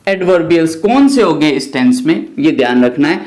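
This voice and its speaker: A man's voice: on the high side, big pitch swings, moderate pace, darkish tone. A middle-aged man, teaching a grammar lesson and stepping through it by asking and answering his own questions. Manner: explains step by step, often asks and answers his own questions. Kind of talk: classroom lecture.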